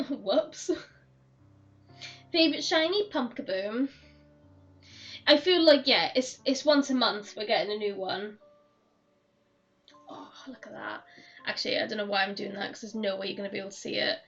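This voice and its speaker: Croaky woman streaming, chatty and rambly, kinda far from a muffled mic. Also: medium pitch, normal speed, fairly bright tone, soft background music. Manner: chatty, rambling, laughs often. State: hoarse, losing her voice. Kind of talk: casual chat while gaming. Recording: dull, slightly distant mic.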